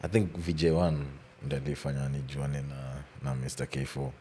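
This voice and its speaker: A man's voice: extremely low pitch, fairly even intonation, moderate pace, warm tone, a little hiss or hum. A man with a Kenyan accent chatting casually as a guest, playful and boastful, slipping between two languages. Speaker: rapper, podcast guest. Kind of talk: casual chat mixing Swahili and English.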